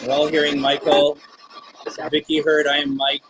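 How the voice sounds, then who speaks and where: Male live ghost-session host, slightly high voice, halting casual questioning, noticeable scratchy noise behind him. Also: monotone. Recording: noisy, rasping scratchy static behind the voice.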